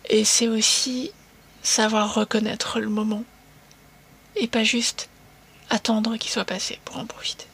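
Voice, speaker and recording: A woman co-hosting a podcast, talking in a soft breathy voice, slow and reflective with small hesitations. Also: on the high side, little pitch movement. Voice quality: breathy, half-whispered voice. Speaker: podcast co-host. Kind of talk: casual podcast chat.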